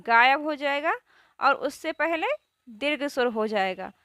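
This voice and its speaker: A woman teaching a grammar lesson who asks questions and answers them herself, spelling out words slowly. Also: sits high, animated, pushed and bright, no room sound, studio quality.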